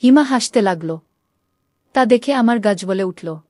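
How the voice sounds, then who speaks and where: Woman narrating a story, mellow. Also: medium pitch, animated, unhurried, no room sound, studio quality. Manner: reads all characters in her own voice with small shifts. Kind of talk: first-person story narration.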